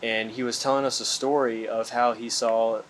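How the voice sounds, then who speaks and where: A man's voice: mid-range voice, level tone, moderate pace, a little hiss or hum. A young man talking casually and slangily while ghost hunting, calling out to spirits as he vlogs. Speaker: paranormal investigator. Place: indoors in a large old house.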